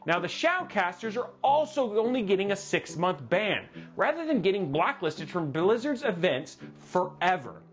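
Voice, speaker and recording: A man hosting a livestreamed tech news show, animated and jokey, with dramatic asides. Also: high voice, normal speed, few pauses, highs cut off. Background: music playing under the voice.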